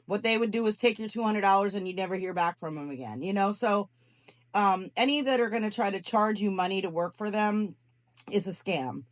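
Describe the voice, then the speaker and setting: A woman with a mid-range voice talks fairly quickly on a casual phone call, a scam investigator offering job advice. She cautions the listener and repeats her points for emphasis.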